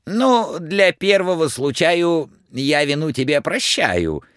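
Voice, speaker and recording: A man voicing a blustering, angry old tsar in a storybook reading, shouting threats. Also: a little high, very animated, takes it slowly, dry recording, studio quality, pitched above the performer's own voice, exaggerated voice. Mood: mocking.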